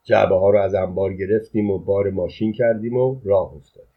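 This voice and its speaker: A male storyteller reads in the first person at a calm, even pace, in colloquial speech. His voice is low and husky. The recording sounds dull and lo-fi. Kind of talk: first-person audiobook reading.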